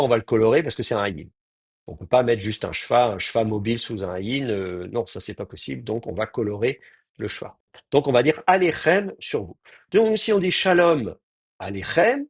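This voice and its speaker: Husky French teacher, lively pitch. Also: male voice, no echo, studio quality. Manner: explanatory, hesitant with many fillers. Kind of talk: online class lecture.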